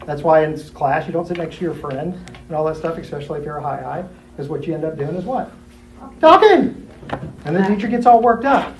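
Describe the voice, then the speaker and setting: Animated man teaching a Bible class. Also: fairly high pitch. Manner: lively, acts out characters in jumpy put-on voices. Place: church classroom. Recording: roomy echo, faint room noise.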